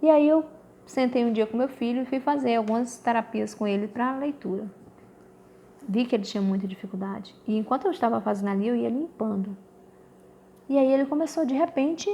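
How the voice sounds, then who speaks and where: Gravelly-voiced Brazilian woman telling a story. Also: fairly high pitch, fairly quick, a little hiss or hum. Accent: Brazilian Portuguese. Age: adult. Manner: animated storytelling, addresses listeners as "gente". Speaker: mother talking about her children and quantum physics. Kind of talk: casual spoken testimony.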